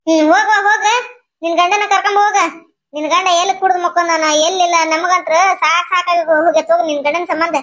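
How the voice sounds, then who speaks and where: A woman voicing a sharp-tongued, stingy old mother-in-law in a cartoon, nagging and scolding in a North Karnataka Kannada accent. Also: very high voice, steady tone, fast talker, highs cut off, soft background music. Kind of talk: cartoon voice acting.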